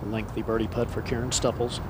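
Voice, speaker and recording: A man working as a golf commentator, calling play in a measured, understated way during a live broadcast. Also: on the low side, little pitch movement. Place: outdoors at a golf course. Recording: very noisy outdoor broadcast.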